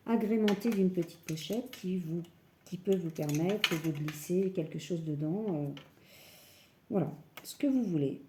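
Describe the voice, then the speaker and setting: A woman calmly guiding a scrapbooking tutorial step by step, working standing up. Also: mid-range voice, noisy background. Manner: calm step-by-step, often says "voilà". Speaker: scrapbooking crafter. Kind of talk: crafting tutorial.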